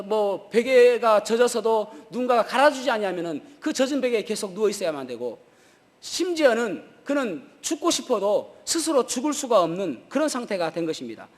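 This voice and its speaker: Animated, high-pitched preaching man. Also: long reverb tail. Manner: animated preaching, voice rising when voicing prayers and complaints to God; hesitant fillers and restarts. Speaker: pastor. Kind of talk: sermon. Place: church sanctuary.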